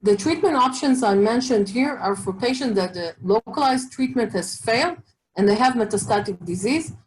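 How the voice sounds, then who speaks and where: A middle-aged oncologist with an Israeli accent answers questions in an expert online webinar, hesitant and full of fillers and restarts. Her voice is on the high side and expressive, at a moderate pace, in a low-quality recording.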